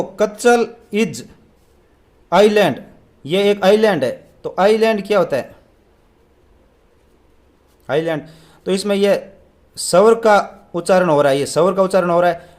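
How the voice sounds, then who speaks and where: High-voiced man teaching an exam paper. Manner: asks and answers own questions; reads English questions slowly.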